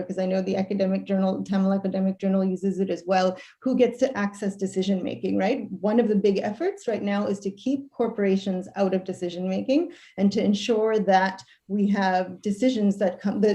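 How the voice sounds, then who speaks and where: Flat, mellow-voiced woman urging listeners. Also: mid-range voice. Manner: earnest, urging, with hesitation fillers. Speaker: panelist. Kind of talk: panel discussion remarks.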